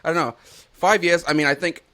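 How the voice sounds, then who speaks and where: A man's voice: on the high side, fairly even intonation, a little fast, pushed and bright. A young man co-hosting a casual real estate podcast, laid-back and talking through the heat of spicy wings. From Ontario, Canada. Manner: laid-back, talks through the burn with whoops. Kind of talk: casual chat while eating hot wings.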